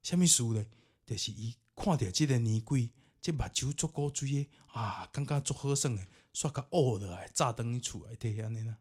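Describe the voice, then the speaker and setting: This podcast host and storyteller speaks at normal speed in a medium-pitched, husky, slightly mellow voice. He has a Taiwanese accent, grew up speaking Taiwanese Hokkien, and recounts ghost stories with theatrical, colloquial commentary.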